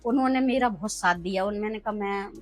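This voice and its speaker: A woman's voice: mid-range voice, a little fast, dry recording, faint music behind, rough recording. A middle-aged woman street food vendor telling her story earnestly in an interview, acting out the dialogue. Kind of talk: emotional personal interview.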